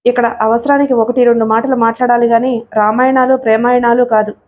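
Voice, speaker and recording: A woman's voice: fairly high pitch, flat delivery, fairly quick, darkish tone, close to an everyday voice. A woman reading the lines of an angry male shopkeeper scolding a customer in an audiobook story.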